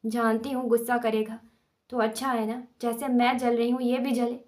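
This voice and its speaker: A woman's voice: fairly high pitch, level tone, darkish tone, close to an everyday voice. A woman reading the part of a young wife who is indignant, ranting and sarcastic in an audiobook novel.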